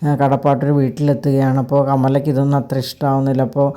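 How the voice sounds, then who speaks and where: A narrator recaps a TV serial episode at a brisk clip, the voice mellow and dark. The delivery stays level and flat, with little rise and fall, and short filler sounds bridge the sentences. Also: mid-range voice.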